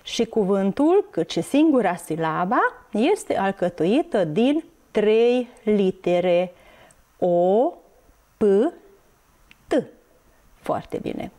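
A woman teaching a televised reading lesson to young children, speaking slowly and clearly and spelling out words letter by letter. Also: mid-range voice, very animated, dark tone. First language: Hungarian. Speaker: primary school teacher.

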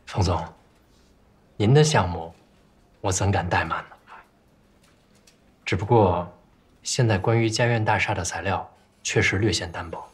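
A young assistant with a low, husky voice who chooses his words carefully. He is polite but keeps probing for the facts. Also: a little slow, pauses often, exaggerated voice. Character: cautious, sharp young male assistant. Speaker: executive assistant.

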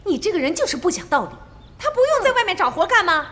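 An actress playing a blunt, hot-tempered young widow in a period TV drama, with music behind. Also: female voice, extremely high pitch, sing-song, quick pace, sharp tone, a little hiss or hum, full character voice. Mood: defiant. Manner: blunt, combative. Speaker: widow landowner. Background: drama score music.

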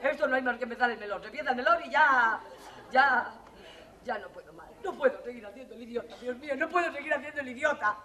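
An actress playing a luckless jilted woman in a stage comedy, swinging from quick comic asides to tearful pleading, in a 1980s televised theater recording with audience laughter. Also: a little high, pushed and bright, roomy sound, a faint crowd. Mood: heartbroken pleading. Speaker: lead actress in a stage revue.

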